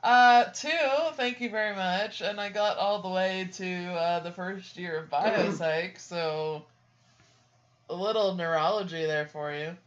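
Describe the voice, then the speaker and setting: A woman's voice: fairly low pitch, fairly even intonation, unhurried. A young woman co-hosting a casual podcast, giggling and laughing often, on dull lo-fi audio. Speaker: podcast co-host. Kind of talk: casual chat.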